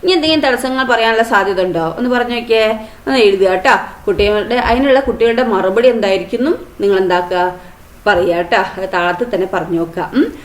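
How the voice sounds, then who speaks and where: A woman's voice: mid-range voice, a little fast. A woman teacher explaining a storybook lesson to children, rephrasing each line and asking questions. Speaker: school teacher. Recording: roomy echo.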